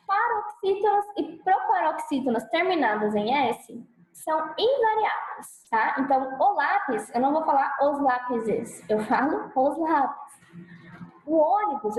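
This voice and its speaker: A Brazilian woman teaching a grammar lesson, checking in with her students often and sounding out example words slowly and loudly. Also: high voice, reverberant, low-quality recording. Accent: Brazilian Portuguese. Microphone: clip-on mic.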